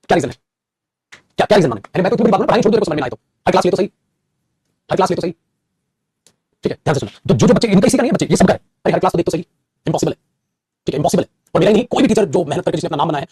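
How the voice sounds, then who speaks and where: Male grammar teacher: high, rapid-fire, husky, scolding but warm-toned address to students. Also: no echo. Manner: animated, calls students 'beta', scolds and coaxes. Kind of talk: online class lecture.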